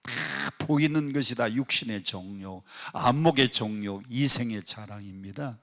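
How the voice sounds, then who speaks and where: A man's voice: mid-range voice, moderate pace. Emphatic male preacher in an echoing hall. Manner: emphatic preaching with sharp swings between loud and soft; quizzes the congregation with questions. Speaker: pastor. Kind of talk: sermon. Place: large worship hall at a prayer retreat. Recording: echoey hall with long reverb.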